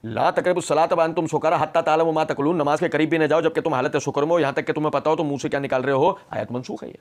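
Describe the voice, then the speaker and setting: Animated sarcastic male religious lecturer. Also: on the high side. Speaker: religious scholar.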